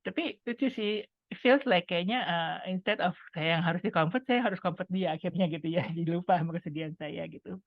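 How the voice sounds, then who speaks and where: Woman sharing her story, low voice, talks like chatting with friends, dry phone-like sound. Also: a little fast, no echo. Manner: chatty and conversational, addresses listeners as friends. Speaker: speaker sharing a testimony. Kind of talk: personal testimony talk.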